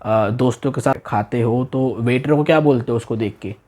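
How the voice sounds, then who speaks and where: A man's voice: mid-range voice, darkish tone. Male language teacher, repetitive questioning. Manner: repeats phrases slowly and asks the listener questions; exaggerates tone to demonstrate meaning. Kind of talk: demo class lesson taught in Hindi.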